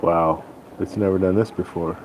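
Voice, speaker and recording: A man hosting a casual live stream, chatting with viewers in a halting, rambling way. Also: deep voice, fairly even intonation, rough recording. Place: airport waiting area. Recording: faint airport background noise.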